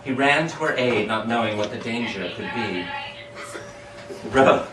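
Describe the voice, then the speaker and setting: Reading his own poem, a male amateur poet delivers storytelling verse in an unhurried, expressive, sing-song way, pitch rising and falling dramatically. The distant microphone picks up room echo and a background hiss.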